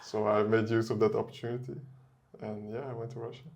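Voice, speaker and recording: Young guy being interviewed, kinda low voice, laid back, says like a lot. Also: brisk. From Netherlands. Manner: relaxed, uses filler 'like' and laughs often. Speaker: interview guest. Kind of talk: casual interview talk.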